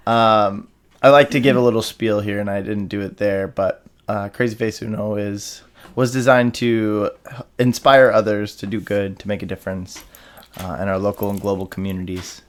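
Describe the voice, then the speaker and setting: A young man hosting a casual podcast chat, relaxed and rambling, with many fillers. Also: fairly low pitch, moderate pace. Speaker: podcast host.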